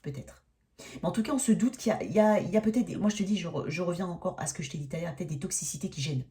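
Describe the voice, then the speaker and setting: A woman's voice: on the low side, racing, dark tone. A woman giving a casual tarot reading, talking in a hesitant, searching way with many restarts and a frequent "hein". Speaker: tarot reader.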